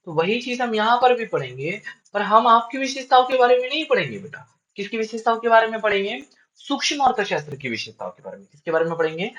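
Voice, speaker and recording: A man's voice: quick pace, few pauses, dull audio. A male teacher giving a classroom lecture, who keeps asking questions and answering them himself and repeats key lines for his students. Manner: lively up-and-down pitch.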